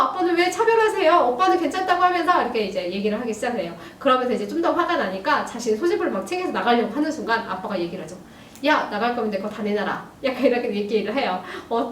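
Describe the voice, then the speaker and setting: A high-voiced woman teaching young students in a gentle, patient way. She is heard from a distance, with a roomy echo and a faint hiss. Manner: gentle, addresses students warmly, frequent "ja" fillers. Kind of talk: recorded lesson for young students.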